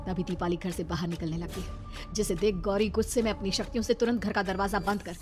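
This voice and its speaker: A woman's voice: mid-range voice, steady tone, fast. A woman narrating a horror cartoon story in a dramatic storytelling manner. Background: music.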